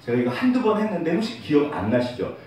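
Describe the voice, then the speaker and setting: Lively male pastor in an echoey church. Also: fairly high pitch, fast. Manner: candid and emotional, with light self-teasing humor. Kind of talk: sermon. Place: church sanctuary. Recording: very echoey church hall, voice picked up from far off, faint hiss.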